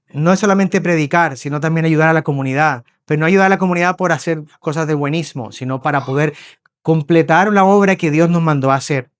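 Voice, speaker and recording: A man from Spain preaching a sermon, telling lively stories, acting out voices and often checking in with his listeners. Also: fairly high pitch, clear, resonant tone, no room sound, clean studio sound. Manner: animated storyteller, acts out voices, checks in with listeners. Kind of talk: sermon with storytelling. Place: church hall.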